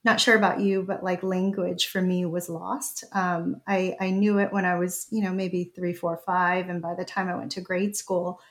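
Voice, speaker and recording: A woman in her thirties, guest-hosting a podcast, talks conversationally and affirmingly, dropping in frequent fillers. Her voice is lowish with a level tone, and she speaks at normal speed with few pauses.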